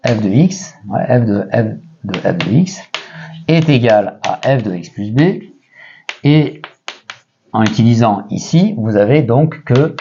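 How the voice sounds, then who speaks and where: A man's voice: medium pitch, expressive, unhurried, creaky, warm tone, highs cut off, a little hiss or hum. A man with a French accent teaching a math lesson in a casual way, thinking aloud with many fillers and often checking that his listeners follow.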